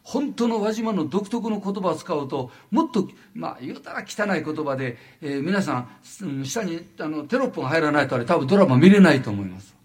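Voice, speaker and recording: Animated older Japanese lecturer, high voice. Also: male voice. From Wajima, Noto Peninsula, Japan. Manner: halting, many fillers, animated asides.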